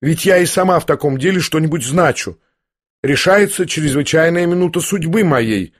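A man's voice: a little high, animated, moderate pace. A man voicing a proud young noblewoman who questions sharply and mockingly. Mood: haughty. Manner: imperious, pointed questioning.

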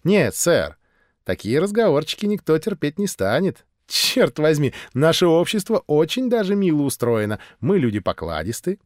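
A man's voice: fairly high pitch, wildly swooping pitch, moderate pace, no echo, studio quality. Man doing a brash, flirty woman. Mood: teasing. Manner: cocky, teasing, brash.

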